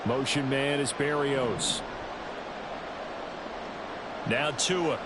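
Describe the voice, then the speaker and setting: A man's voice: medium pitch, extremely slow, heavy background noise. An American man giving play-by-play football commentary in a video game.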